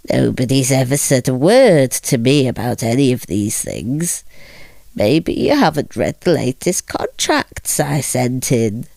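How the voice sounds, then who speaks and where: An anxious young man turned into an insect hurries through pleading excuses in a gravelly, lowish voice that swings widely, as a woman reader puts him on. The storybook voice is dry and close. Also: darkish tone, no room sound, exaggerated voice. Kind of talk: storybook read-aloud.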